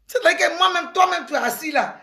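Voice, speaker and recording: A woman's voice: very high voice, fairly quick, vocal fry, pushed and bright. A middle-aged woman, delivering an impassioned, preachy advice monologue straight to the listener. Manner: emphatic and preachy, with exclamations and address to the listener. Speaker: commentator giving advice. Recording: echoey room.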